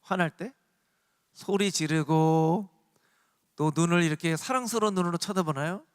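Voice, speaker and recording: A male pastor preaching a sermon in a church, animated and throwing rhetorical questions at the congregation. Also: on the high side, moderate pace, clear, resonant tone, no room sound, clean studio sound, in a large hall. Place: church sanctuary.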